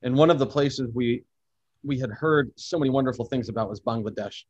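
A man's voice: mid-range voice, brisk, slightly rough, dry recording, lo-fi sound. Thoughtful man telling travel stories. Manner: thoughtful, expansive, speaks of cultural experiences warmly. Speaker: podcast guest, traveler and photographer. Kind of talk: reflective storytelling in conversation.

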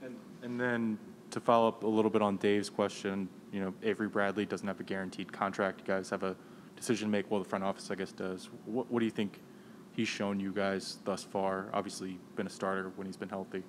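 A man's voice: on the low side, flat delivery, fairly quick, a little hiss or hum. A man reporter at a press conference, asking questions politely and formally.

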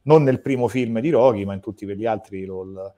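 A man's voice: on the low side, brisk, mellow. A man interviewing a guest, chatting at length like a fan, with rambling sentences and frequent restarts. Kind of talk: casual interview chat.

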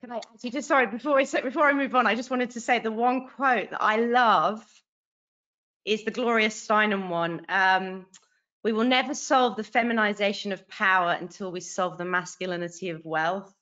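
This guest author, a woman in her forties, has a mid-range voice with a bright, forceful tone and a moderate pace. Speaking earnestly and with animation, she frequently starts her phrases over. The interview comes through a webcam from a bright home room, and the call audio sounds dull and lo-fi.

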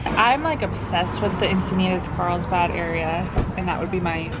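A woman's voice: lowish voice, moderate pace, lo-fi sound. Chatty young woman vlogging outdoors. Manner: chatty, upbeat. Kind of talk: casual vlog chat. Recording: loud outdoor traffic noise.

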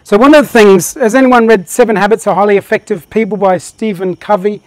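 A man's voice: high voice, fairly even intonation, fairly quick, dry recording. A man giving a live motivational presentation to an audience, talking with passion and energy. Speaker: workshop presenter.

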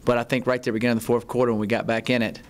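A middle-aged man, a head football coach, answering reporters at a postgame press conference, halting, with many ums and restarts. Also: mid-range voice, level tone. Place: press conference room, seated at table. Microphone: table mic in front.

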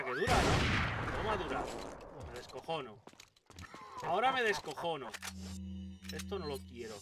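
A man with a Spanish accent from Spain chatters and jokes through a game, his voice high and leaping up and down, breaking into shouts and swearing. He sounds set back from the mic, with loud gunfire behind. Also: far from the mic, very noisy. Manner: excitable, swears and shouts at enemies; jokey running chatter. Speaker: gameplay commentator. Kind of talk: casual gameplay commentary.

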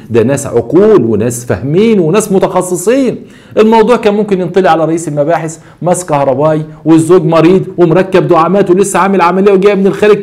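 Fast-talking Egyptian crime storyteller. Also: male voice, on the high side. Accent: Egyptian Arabic. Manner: preachy, animated storyteller. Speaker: host.

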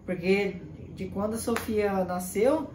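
A young Brazilian man casually explaining his point of view in a relaxed way, with many fillers. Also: high-pitched, slow. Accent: Brazilian Portuguese. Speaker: vlogger. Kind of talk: casual chat. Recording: roomy home video with faint noise.

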